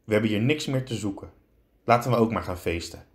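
An old, wise wizard headmaster, as a man puts him on, his voice low and quiet, unhurried and calm. A storybook figure in a read-aloud. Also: reverberant, natural voice.

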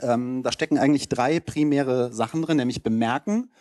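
A man gives a casual, rambling keynote on a lecture hall stage, walking an audience through an informal slide presentation. His normal-pitched, darkish voice comes at a normal speed through a handheld mic held close, and the sound is quite dry with no echo.

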